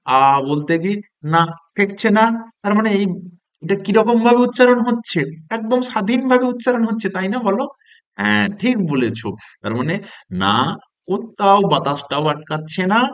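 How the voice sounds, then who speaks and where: A man teaches a demo class in a lively, animated way, rising high when he asks the children questions. His voice sits a bit above the usual male range. He slows right down to stretch out the key terms.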